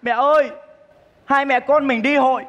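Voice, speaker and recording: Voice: high-pitched, fairly even intonation, normal speed, long reverb tail, lo-fi sound, lightly acted. A performer playing a whiny, needling stepdaughter in a stage comedy sketch. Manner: whining, needling, wheedling. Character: whiny, sly teenage stepdaughter. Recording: live stage with music and audience.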